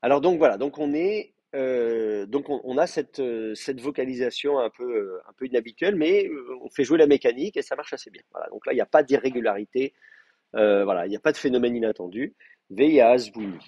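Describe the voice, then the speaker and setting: A man teaching an advanced Hebrew class, explaining grammar with hesitant pauses, restarts and fillers. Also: medium pitch, expressive, mellow, slightly rough, dry recording. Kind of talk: classroom lecture. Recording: muffled, dry classroom recording.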